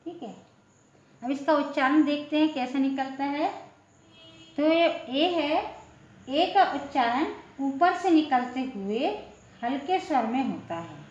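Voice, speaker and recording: Slow, high-voiced woman teaching letters. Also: expressive. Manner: slow, repetitive, asks questions then answers them. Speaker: Hindi teacher. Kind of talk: classroom-style lesson explaining letters. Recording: echoey room, dull lo-fi sound.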